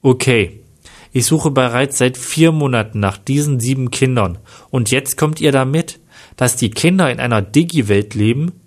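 A man's voice: medium pitch, moderate pace, lightly acted. A man reading the lines of an impatient police unit head in a plain read-aloud manner. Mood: brusque.

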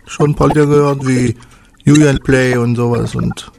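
A man's voice: medium pitch, moderate pace, gravelly. Joking man on a noisy radio line. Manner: relaxed, joking, short answers. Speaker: studio guest. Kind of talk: casual radio chat.

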